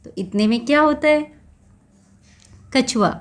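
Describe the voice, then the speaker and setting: A woman's voice: sits high, measured pace. A woman teacher explaining a textbook story to young children, patiently stopping to explain words and phrases.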